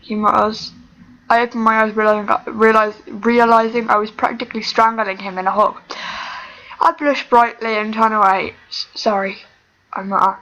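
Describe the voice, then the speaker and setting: Woman reader, higher pitch, halting fan fiction reading with frequent restarts. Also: little pitch movement, fairly bright tone, low-quality recording. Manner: halting, self-correcting reading.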